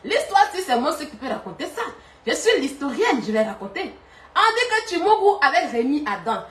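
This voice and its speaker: Animated laughing woman live-streaming. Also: high voice, fairly quick, echoey room. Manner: animated, laughing, urging viewers to send stars. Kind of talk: live stream gossip and chat.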